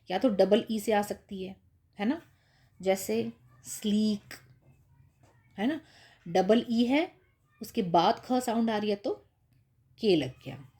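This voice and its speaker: Woman teacher, unhurried, a touch high; patient, repetitive spelling lesson for small children. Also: warm tone. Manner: patient, repeats with "ठीक है" and "है ना" checks. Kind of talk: explaining spelling rules to young kids.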